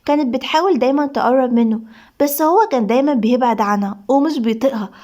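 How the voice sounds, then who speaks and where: Egyptian woman narrator, high voice, rapid dramatic storytelling. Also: mellow. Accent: Egyptian Arabic. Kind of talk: reading a serialized drama story.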